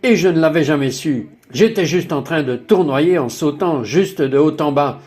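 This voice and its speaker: A man's voice: on the high side, animated, normal speed, darkish tone. A man narrating a dubbed personal testimony in an emphatic, exclaiming way, full of wonder.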